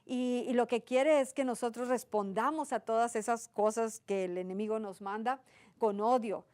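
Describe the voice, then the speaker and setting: Woman preacher, somewhat high voice, earnest and chatty, leans on repetition and tag questions. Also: fairly even intonation, normal speed, a little mellow. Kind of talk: conversational sermon.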